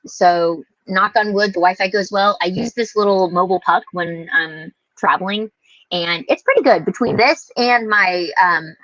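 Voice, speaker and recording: An American woman hosts a livestream from inside a small camper trailer. Her talk is casual and rambles a little, at a middling pitch. The sound is dry and slightly dull. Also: a bit bright, no echo. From United States, lives in Louisiana. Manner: informal, rambling. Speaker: livestream host.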